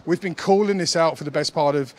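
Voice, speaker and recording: A man rounds off an event broadcast with urgent, emphatic energy, pressing viewers to go and watch. His voice sits a touch high, and he sounds short of breath. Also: quick pace. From United Kingdom. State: running out of breath. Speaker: event TV host. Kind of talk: energetic event wrap-up presenting.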